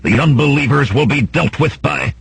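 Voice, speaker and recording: A man voicing a fanatical, commanding male mage who shouts proclamations in a husky voice. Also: mid-range voice, normal speed, no echo, pitched above the performer's own voice. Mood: fanatical cry.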